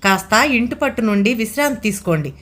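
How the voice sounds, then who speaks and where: A woman's voice: lively intonation, fairly quick. A woman narrator voicing a fussy, sarcastic older wife who scolds anxiously in a raised voice. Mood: scolding. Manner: scolding, anxious, higher and louder than narration.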